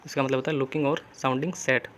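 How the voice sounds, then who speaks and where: A man's voice: medium pitch, flat delivery, fast, fairly bright tone, slight background noise. A young man teaching English vocabulary in casual Hindi mixed with English, chatty and telling little stories as memory tricks.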